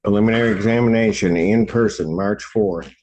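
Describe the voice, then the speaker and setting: A man speaking as a judge, giving rulings from the bench in a formal, deliberate way. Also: lowish voice, darkish tone, dull audio.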